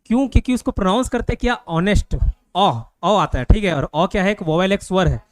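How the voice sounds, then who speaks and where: A man from India with a high-pitched voice teaches grammar to students in a classroom, constantly asking quick questions to make sure they follow. There is no room sound.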